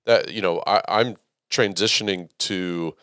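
Deep, smooth, measured male host. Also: dry recording, studio quality. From Texas. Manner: measured, even, calls his own voice monotone. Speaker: podcast host, theater educator. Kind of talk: casual interview.

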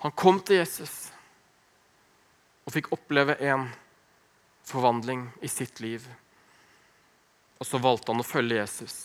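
A man preaching a sermon, earnest and emphatic, slowing down on key phrases and dropping to a hush. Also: medium pitch. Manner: earnest, slow emphatic phrasing with wide swings in loudness.

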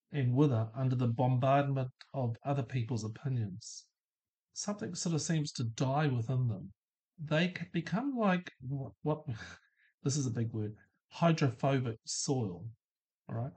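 Husky middle-aged man musing aloud. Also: mid-range voice, darkish tone. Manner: thoughtful, asks questions, light laughs. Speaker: podcast host. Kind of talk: reflective solo monologue.

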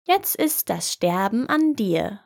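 A woman's voice: mid-range voice, very animated, slow, gravelly, full character voice. A woman doing a cocky fearless young man. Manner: bold, offhand and unimpressed.

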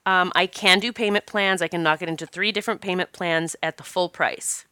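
Her voice sits on the low side, steady yet sharp, clear and resonant, moving fairly quickly in echo-free studio sound. This Northeast Pennsylvania woman hosts her own casual podcast, stuffed up with allergies, chatting encouragingly with plenty of fillers.

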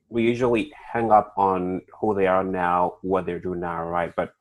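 A very deep-voiced man hosts an interview podcast, framing questions in a measured way. He pauses often with filler sounds as he introduces his guest. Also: rough recording. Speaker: podcast host.

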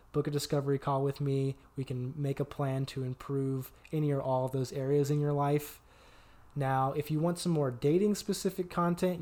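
A man's voice: on the high side, darkish tone. A man hosting a podcast, giving an upbeat, promotional outro as a dating coach.

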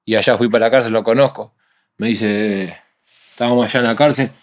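A man's voice: on the low side, a little fast. A young man with a Uruguayan accent, a rapper guest in a casual interview, telling stories animatedly in street slang. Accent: Uruguayan Spanish. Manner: animated street slang storytelling, acts out others' voices.

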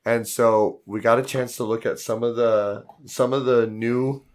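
A man hosting a board game podcast in casual chat, his voice hoarse and worn out from yelling. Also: mid-range voice, flat delivery, a little slow.

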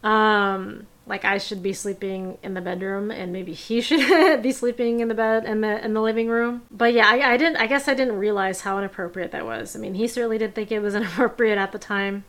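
A woman's voice: mid-range voice, fairly even intonation, fairly quick, hardly any pauses, fairly bright tone. A young adult woman casually recounting personal stories as a podcast host, with frequent fillers and little laughs. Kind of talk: personal storytelling.

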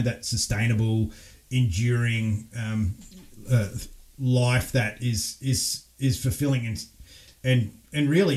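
An Australian man tells stories as a podcast guest, lively and quick to laugh, often restarting his sentences mid-thought. His voice sits at an ordinary middle pitch for a man, and he speaks like a former fighter pilot looking back on his early years. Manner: animated storyteller, laughs often, frequent restarts. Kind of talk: casual storytelling interview.

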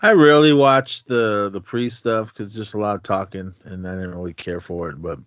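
Low-voiced, laid-back middle-aged man. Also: normal speed, a bit bright, no echo. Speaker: podcast co-host. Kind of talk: casual chat. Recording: dull lo-fi, dry close sound.

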